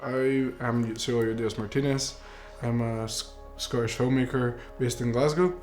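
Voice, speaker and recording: A filmmaker in his twenties who grew up in Mexico narrates a documentary about his grandfather's story, earnest and reflective, with some fillers. His medium-pitched voice is steady at normal speed, recorded in a roomy space with music underneath.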